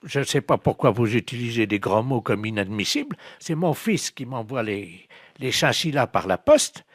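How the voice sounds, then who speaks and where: A man playing a nonchalant middle-aged angler in a phone prank, casual and deadpan. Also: mid-range voice, moderate pace, slightly rough, dry recording, studio quality. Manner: casual, unbothered, deadpan absurd.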